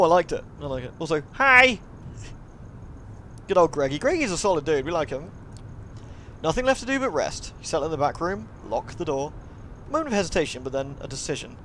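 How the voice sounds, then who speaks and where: A bit bright and on the high side, a man's voice comes through with a little hiss or hum as he streams a visual novel. He acts out the narration dramatically and chats playfully with his viewers along the way.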